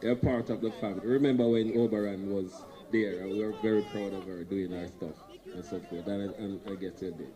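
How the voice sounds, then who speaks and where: A man's voice: fairly low pitch, fairly even intonation, fairly quick, a crowd in the background. A man with a Jamaican accent hosting a wake, repeating his words and slipping into patois. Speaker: master of ceremonies at a wake. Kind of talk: casual ceremony hosting. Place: outdoor wake gathering.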